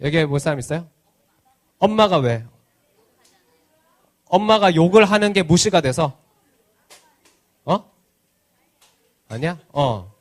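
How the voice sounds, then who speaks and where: A man's voice: on the high side, expressive, takes it slowly, long pauses. A man giving an interactive children's sermon at a church service, teasing the kids playfully and asking them lots of questions. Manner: asks the children many questions. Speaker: children's pastor.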